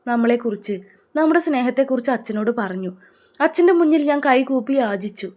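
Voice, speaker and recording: A woman's voice: on the high side, animated, brisk, darkish tone. A woman voicing an earnest, pleading young daughter. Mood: frightened. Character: young daughter in love, frightened but brave. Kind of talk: storybook narration.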